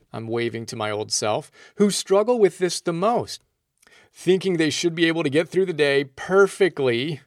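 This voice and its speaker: A man's voice: on the high side, no room sound, studio quality. A man reading a scripted, motivational book summary in an earnest tone, quoting passages aloud. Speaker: host summarizing books.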